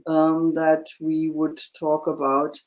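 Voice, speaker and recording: A woman teaching a one-on-one language lesson, explaining slowly with many fillers and checking in with "yeah?". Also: low voice, completely flat delivery, darkish tone. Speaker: German teacher.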